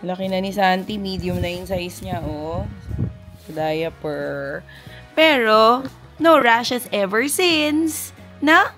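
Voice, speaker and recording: A woman's voice: mid-range voice, expressive, slow, a bit bright, soft background music. A young mother vlogging her kids, cooing baby talk and mixing English into her speech. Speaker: mother vlogging family life. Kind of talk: casual family vlog.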